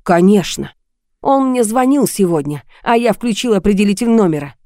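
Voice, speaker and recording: A woman's voice: medium pitch, animated, normal speed, mellow, dry recording, clean studio sound, lightly acted. A woman reading an audiobook, voicing an angry, jealous young man who speaks harshly and accusingly.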